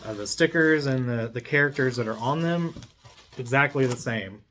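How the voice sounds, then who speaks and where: A man presents an unboxing video, chatting in a casual, unscripted and rambling way. His voice is mid-range at normal speed, and the clear recording carries a steady background hum.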